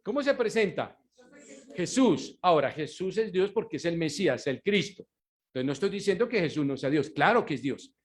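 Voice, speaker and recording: A man's voice: a little high, very animated. A male pastor giving a sermon, stressing key words and asking his congregation rhetorical questions for them to finish. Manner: emphatic preaching with slowed, stressed words.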